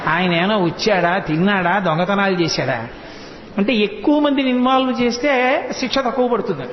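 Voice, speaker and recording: A male devotional discourse speaker narrates a sacred story, explaining and acting out the characters. His voice is high and rings in a roomy hall. The recording is dull, with faint noise behind it. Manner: lively, explanatory, acts out characters. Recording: echoey hall, dull sound.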